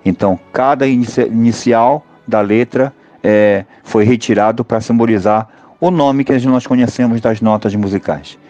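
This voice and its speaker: Brazilian man, music teacher, online lecture, halting with fillers, mid-pitched, faint music behind. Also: dark tone, lo-fi sound. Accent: Brazilian Portuguese. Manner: halting, frequent fillers and tag questions.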